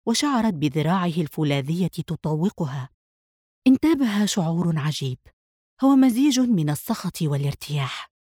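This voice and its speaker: Woman reading a spy novel aloud, lowish voice, dry close sound, steady pace. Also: no room sound. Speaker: narrator. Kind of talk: scripted narration of a spy novel.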